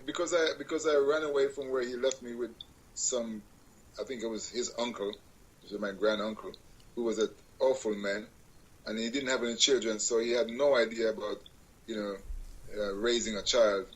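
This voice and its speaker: A Jamaican man appears as a guest musician on a radio show, chatting in a casual interview about his life in a rambling way, correcting himself and laughing at his own jokes. His husky, mid-range voice keeps a fairly even intonation at a moderate pace, though the audio quality is poor.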